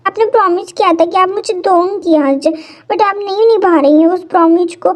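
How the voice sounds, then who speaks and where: A woman's voice: very high-pitched, normal speed, darkish tone. A woman voicing a whiny young man who begs and sulks in a tearful, insistent way in a hobby audio story. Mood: pleading.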